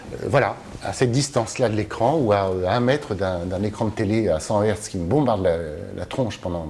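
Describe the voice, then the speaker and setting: A man's voice: on the low side, darkish tone. A man who works as a film translator and teacher, answering interview questions in a thoughtful, hesitant way with many fillers and restarts. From Mediterranean. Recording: faint background noise.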